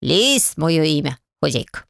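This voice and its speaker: A woman's voice: low-pitched, very animated, unhurried, vocal fry, a bit bright, no echo, clean studio sound, heavily acted. A woman doing a meek old stove spirit. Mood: earnest. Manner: humble, earnest.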